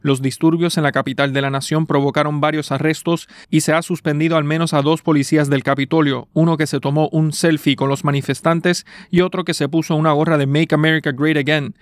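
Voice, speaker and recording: Even-toned, higher-pitched male AM radio anchor. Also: no echo, clean studio sound. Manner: formal, factual. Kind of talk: scripted AM radio news reading.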